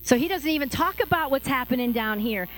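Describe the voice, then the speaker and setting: A woman's voice: brisk, rough recording. A woman preaching a sermon in a conversational style, acting out the voices of the people she quotes and often repeating and restarting her phrases. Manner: lively, acts out quoted voices with big pitch jumps.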